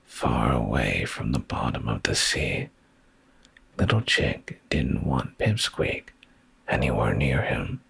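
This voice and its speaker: Close to the microphone, a man reads a bedtime story in ASMR fashion, his deep, gravelly, breathy voice frequently sinking into a whisper. The delivery is slow, drowsy, and soothing with big swings in pitch, captured in a dry recording.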